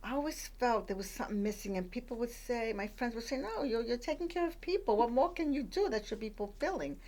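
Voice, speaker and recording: A woman's voice: fairly high pitch, expressive, brisk, dark tone. Chatty older woman telling her story. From Puerto Rico, raised in the Bronx. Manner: chatty, with many fillers and restarts. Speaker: guest. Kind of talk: conversational storytelling.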